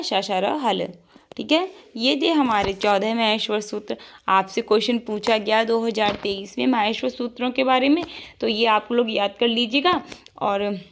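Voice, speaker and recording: A woman teacher giving an online exam-prep lesson, drilling her students by asking a question and answering it herself, repeating each item. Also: on the high side.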